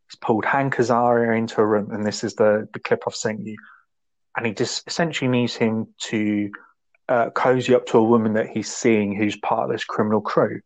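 A man casually chatting about a film, enthusiastic and rambling. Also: on the low side. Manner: enthusiastic, rambling, acts out quotes. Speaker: podcast co-host. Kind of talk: casual film review chat.

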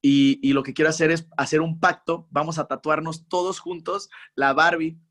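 A young man with a Mexican accent chats as a guest in an interview. He talks in an animated, slangy way, acts out his own reactions, and sits a little higher than most men. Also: normal speed. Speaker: musician guest. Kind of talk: casual interview chat.

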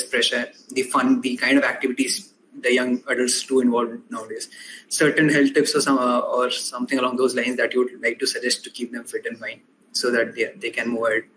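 A man's voice: mid-range voice, fairly bright tone, a little hiss or hum, rough recording. A young man with an Indian accent, politely and deferentially hosting a podcast interview. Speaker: podcast host.

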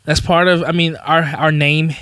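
A man around thirty, a coffee business owner interviewed as a guest, speaking earnestly and haltingly with many "um"s and "like"s. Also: on the high side, level tone, pushed and bright, clear, resonant tone, dry recording, studio quality. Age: 30s. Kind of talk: casual interview chat.

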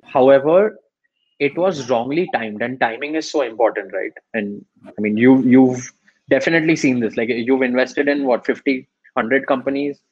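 A man's voice: mid-range voice, moderate pace, a little mellow, husky, no room sound, highs cut off. A man with an Indian accent telling stories conversationally as a startup founder in an interview.

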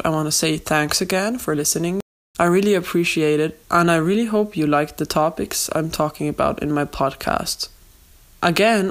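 A young adult woman hosting a podcast, speaking in an earnest, steady and explanatory way, recorded with makeshift low-quality equipment. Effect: low-quality makeshift recording without proper equipment. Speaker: podcast host. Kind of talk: podcast monologue, personal advice.

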